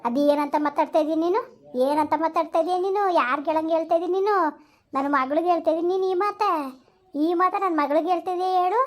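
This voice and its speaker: A woman with a very high voice rattles off scolding rants and curses in a village comedy skit. She speaks extremely fast and repeats her jabs again and again. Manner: scolding, cursing, repetitive rants. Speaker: angry mother and wife in a skit.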